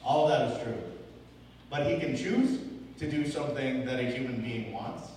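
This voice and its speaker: A man's voice: medium pitch, moderate pace, recorded from a distance, a little hiss or hum. Young male pastor in an echoey hall. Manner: relaxed, asks the room rhetorical questions, chuckles often. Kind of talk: conversational Bible teaching.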